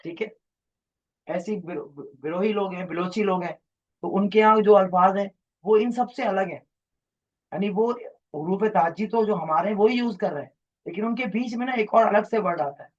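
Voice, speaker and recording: A man's voice: high voice, normal speed, dull audio. A man teaching a class, lecturing in a rambling, explanatory way and quizzing his students.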